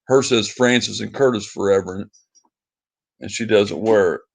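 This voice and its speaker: A man's voice: fairly low pitch, moderate pace, gravelly. Guy on a live stream reading comments, kinda pleading, says stuff over and over. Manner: pleading, sentimental, repetitive. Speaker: livestream host. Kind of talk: casual chat reading viewer comments.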